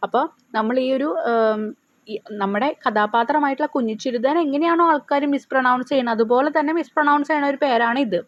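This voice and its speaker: A woman teaching a textbook lesson with a Malayali accent, reading English lines slowly and carefully, then explaining them in quick, chatty asides. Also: high voice, no room sound. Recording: dull, slightly lo-fi close recording.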